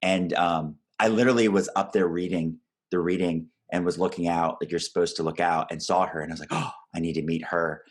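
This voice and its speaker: Very deep-voiced chatty male host. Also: fairly even intonation, fairly quick. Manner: chatty, anecdotal, laughs easily. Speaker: podcast host. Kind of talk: conversational interview.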